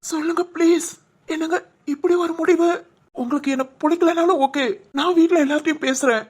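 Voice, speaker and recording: A woman voicing an earnest young husband, high. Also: fairly even intonation, fairly quick, background noise. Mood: pleading. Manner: earnest, pleading, reassuring. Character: young husband, gentle and pleading. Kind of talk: dubbed cartoon drama.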